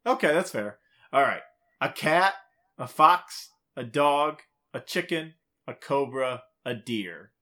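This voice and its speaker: A man co-hosts a casual podcast with a Michigan, Great Lakes accent. His voice is bright and forward, sitting at an average pitch, and his delivery is loose, conversational banter. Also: animated, takes it slowly. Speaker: podcast co-host.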